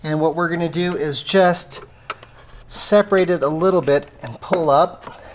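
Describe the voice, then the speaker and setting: A woman with a deep voice speaks a little slowly as she hosts a casual, step-by-step car repair tutorial, keeping her hands on the job. Noise is clearly present in the recording, along with tools clicking.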